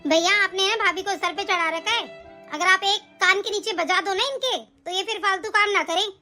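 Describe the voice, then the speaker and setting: A cartoon sister who schemes and taunts, voiced by a woman. Her voice sits very high and sounds bright and sharp. She sneers, bosses and stirs trouble in every line. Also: normal speed, soft background music, exaggerated voice. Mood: scheming. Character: scheming spiteful young woman, sister of the house. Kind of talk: cartoon voice acting.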